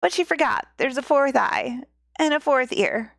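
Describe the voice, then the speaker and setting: A woman's voice: sits high, expressive, moderate pace, gravelly, fairly bright tone, dry recording, studio quality. A woman hosting a podcast, retelling a fairy tale in a chatty, jokey way with asides. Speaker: podcast host and storyteller. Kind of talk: casual storytelling with asides.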